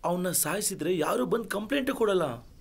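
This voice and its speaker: An actor playing a scheming lover who quietly talks his partner into a plot, with a Kannada accent. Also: high voice, lively intonation, a little fast, vocal fry, breathy edge, heavily acted. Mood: persuasive. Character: scheming young lover, low-voiced plotter.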